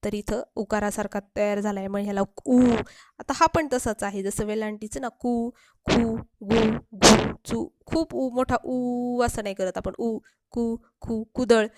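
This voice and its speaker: A woman teacher giving a patient spelling lesson for children, repeating syllables slowly and stretching sounds. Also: medium pitch, fairly even intonation, darkish tone, no room sound.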